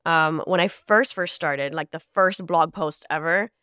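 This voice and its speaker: A woman's voice: low-pitched, measured pace, pushed and bright, no echo, clean studio sound. A woman with a stuffed-up, nasal voice from a cold, talking casually and chattily as she hosts a solo podcast. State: congested with a cold. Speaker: podcast host.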